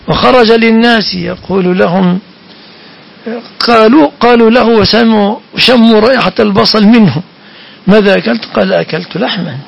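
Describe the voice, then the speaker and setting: Male preacher, high and gravelly, lecturing from scripture, muffled lo-fi recording. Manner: repeats phrases for emphasis, quotes verses. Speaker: Quran commentator. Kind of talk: sermon-style Quran commentary. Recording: dull lo-fi recording.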